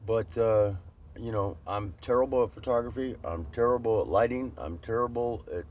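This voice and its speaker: A man's voice: medium pitch, normal speed. A man talking to camera on a road trip, rambling and emotional, with many restarts and fillers. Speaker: vlogger. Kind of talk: casual vlog monologue. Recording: lo-fi with faint road noise.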